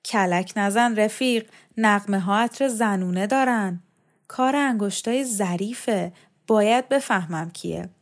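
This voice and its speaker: A woman's voice: medium pitch, natural voice. A woman voicing a dreamy, romantic young man who talks in an effusive, rhapsodic way in a storybook reading.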